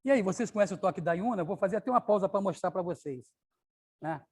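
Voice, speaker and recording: A man's voice: high voice, lively intonation, fast, husky. A man, a capoeira master, reading a children's story aloud and stopping to explain things to his audience.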